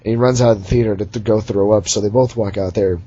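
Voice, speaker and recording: A man's voice: on the low side, fairly even intonation, fast, dark tone, slightly rough, lo-fi sound. A young man giving a rambling, sarcastic recap of a movie in casual chat, recorded at home on a computer mic. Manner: rambling, sarcastic, mocking character voices. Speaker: movie reviewer.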